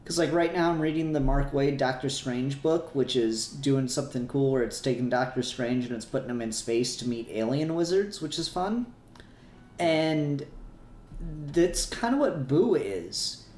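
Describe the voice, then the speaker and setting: A man co-hosting a podcast talks casually and at rambling length about fan topics, swearing now and then. His voice is medium-pitched, unhurried and a little mellow, in a roomy, echoey recording.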